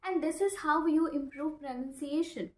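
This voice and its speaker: A woman whose voice sits high, talking at normal speed, presents an informal English-learning lesson to camera. In her 20s with an Indian accent and a first language other than English, she's emphatic, repeating phrases with frequent check-ins, in an echoey small bare room.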